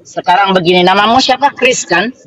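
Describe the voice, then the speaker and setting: A woman's voice: medium pitch, a little fast, a bit bright, no echo, rough recording. A woman joining an online debate, explaining emphatically. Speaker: debate participant. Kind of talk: debate argument.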